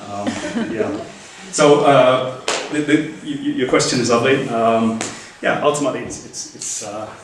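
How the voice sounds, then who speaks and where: Answering questions from the audience after his lecture, a man with a medium-pitched voice speaks at a moderate pace with hardly any pauses, yet hesitantly, full of restarts and fillers. The lecture room recording is echoey, distant and set against a noisy background.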